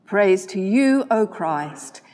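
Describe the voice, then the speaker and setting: A woman reading the gospel at a church service in a measured, solemn way, her voice carried by cathedral echo. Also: mid-range voice, animated, warm tone. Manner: measured and solemn, with dropping phrase endings. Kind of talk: slow formal liturgical reading. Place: large church. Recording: long reverb of a large church.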